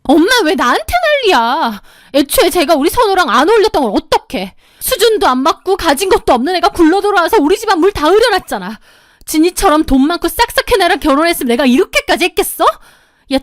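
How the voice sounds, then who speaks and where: A woman's voice: very high-pitched, sing-song, brisk, no echo, studio quality, voice pushed up. A woman voicing an arrogant, spiteful sister-in-law who shrieks and sneers. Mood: screeching. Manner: screeching, contemptuous.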